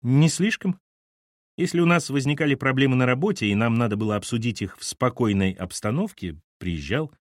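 A man voicing a sharp, businesslike middle-aged woman who answers curtly in an audiobook. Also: mid-range voice, expressive, fairly quick, no room sound, studio quality, pitched above the performer's own voice, lightly acted. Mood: clipped, defensive. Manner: curt and clipped.

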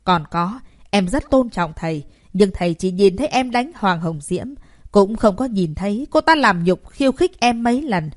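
A woman voicing a proud young female martial artist who talks back forcefully and indignantly. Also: mid-range voice, animated, normal speed, lightly acted.

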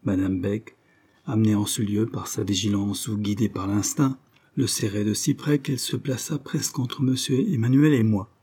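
A man reading a novel aloud as an audiobook narrator, in a measured, literary way. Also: lowish voice, steady tone, dark tone, slightly rough. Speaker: audiobook reader. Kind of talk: scripted narration.

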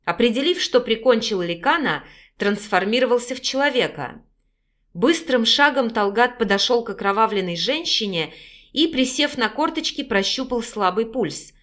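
A woman narrating an audiobook in a steady, even storytelling voice. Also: fairly high pitch, moderate pace. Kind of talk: scripted narration.

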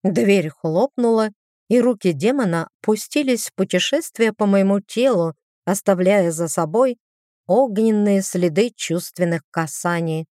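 A woman's voice: medium pitch, unhurried, mellow, dry recording, studio quality. A woman narrating a romantic fantasy audiobook.

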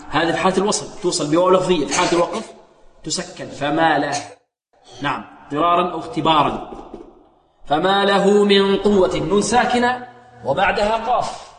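A man teaching Quran recitation rules, quizzing his students and chanting verses slowly to show each rule. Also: a little high, fairly bright tone, echoey room, big-room sound. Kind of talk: tajweed lesson with sung recitation.

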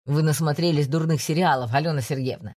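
A woman voicing a calm male police investigator who talks low, steady and coaxing in an audiobook. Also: fast talker. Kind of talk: audiobook reading.

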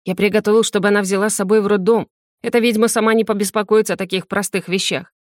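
A woman's voice: medium pitch, steady tone, no room sound, clean studio sound, close to an everyday voice. A woman voicing a flustered, caring young man who hurries and fusses in an audiobook. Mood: fussing. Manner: hurried, fussing.

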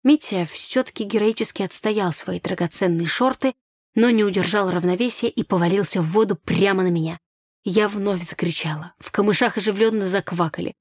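A woman reads a first-person teen novel aloud in a lively, expressive way, close to the mic. Her voice sits in a middle pitch and the recording is dry, with no room around it. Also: a little fast, dry recording. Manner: lively, acts out dialogue. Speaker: audiobook narrator.

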